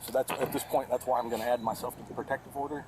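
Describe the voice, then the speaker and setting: A man's voice: medium pitch, fairly even intonation, very fast, a crowd in the background. A man explaining events to police outside a house, hesitant and full of fillers, caught on a police body camera. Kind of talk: statement to police. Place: outdoors at a house. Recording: noisy body cam audio.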